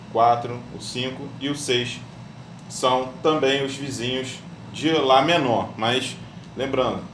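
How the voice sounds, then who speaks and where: A man's voice: medium pitch, recorded from a distance. A man teaching a music theory lesson step by step, often checking in with his students. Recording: echoey room, voice off-mic, faint hum.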